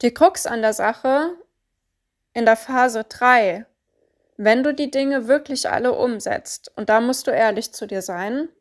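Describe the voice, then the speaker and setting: Slow, calm German-speaking woman coach. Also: fairly high pitch. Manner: calm, deliberate, repetitive emphasis. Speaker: spiritual coach. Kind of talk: solo coaching monologue.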